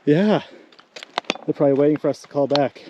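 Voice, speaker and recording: A man filming himself as he hikes outdoors, out of breath and exclaiming excitedly on a handheld camera mic. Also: a little high, fairly quick, dull audio, noisy background. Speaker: vlogger exploring ruins. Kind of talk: excited on-the-spot hiking commentary. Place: outdoors on a hilltop.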